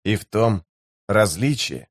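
A man's voice: fairly low pitch, animated, slow, dry recording, studio quality. Karsa, a man voicing a fierce young warrior chief. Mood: commanding. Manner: bold, declaiming, commanding.

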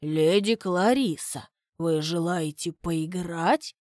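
A woman voicing a courteous, shrewd middle-aged male butler who speaks in a measured, inquiring way. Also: lowish voice, darkish tone, no room sound, clean studio sound. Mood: puzzled, polite.

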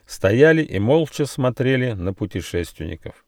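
A man reading his own fairy tale as an audiobook, expressive and animated. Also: mid-range voice, moderate pace, no room sound. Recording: dry close studio.

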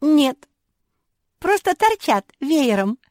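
A woman's voice: high voice, very animated, a little slow, dry recording, clean studio sound, pitched above the performer's own voice. A woman voicing a prim pug sister who scolds and giggles. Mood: giggly.

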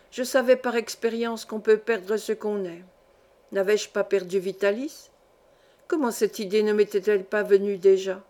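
A woman reading a classic novel aloud as an audiobook narrator, in an even, measured storytelling manner. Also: mid-range voice. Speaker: audiobook reader.

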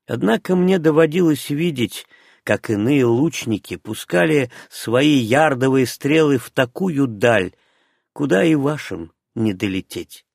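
A man voicing a calm, modest veteran archer in an audiobook reading, speaking softly with a slightly gravelly voice. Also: medium pitch, a little slow, no room sound, studio quality. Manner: calm, soft-spoken.

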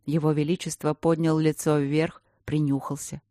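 Female narrator, very low voice, dry close recording, measured audiobook read. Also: level tone, warm tone, no echo. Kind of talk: scripted narration.

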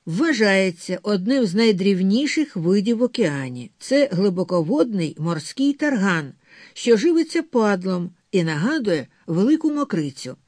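A high-pitched man reads a thriller novel aloud, his voice rising and falling a lot. The sound is dry and close, with no room around it. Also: very animated, moderate pace, a little mellow, dry recording. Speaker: audiobook narrator. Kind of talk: scripted narration of a novel.

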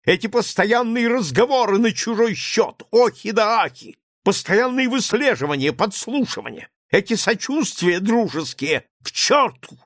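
A man voicing an indignant, hysterical young nobleman who shouts in high-pitched outbursts, in an audiobook reading. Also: animated, a little slow, hardly any pauses, no room sound, studio quality, full character voice. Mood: shouting.

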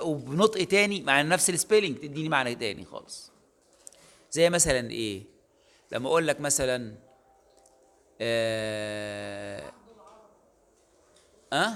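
Here a man with a fairly high pitch and a fairly bright tone gives a recorded online university lecture. His Egyptian Arabic accent comes through as he explains loosely, using lots of fillers and correcting himself.

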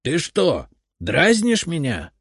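A man reading a story aloud, voicing a cranky, mocking old grandfather in a raised, shrill voice. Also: huge pitch swings, slow, a bit bright, slightly rough, no echo, clean studio sound, full character voice. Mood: shrieking.

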